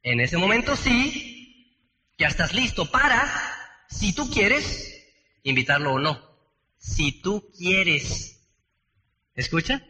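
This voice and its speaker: A man's voice: sits high, sing-song, takes it slowly, long pauses, pushed and bright. A man, teaching a live seminar, playing out both sides of sales conversations and quizzing the audience. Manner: acts out both sides of sales dialogues, asks the audience questions. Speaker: business trainer. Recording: echoey hall, live talk.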